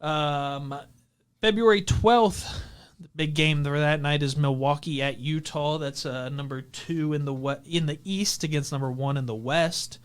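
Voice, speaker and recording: A man's voice: on the high side, a little slow, smooth. A man co-hosting a basketball podcast, running through upcoming games in a casual, filler-heavy chat. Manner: runs through game schedules with fillers. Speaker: podcast co-host.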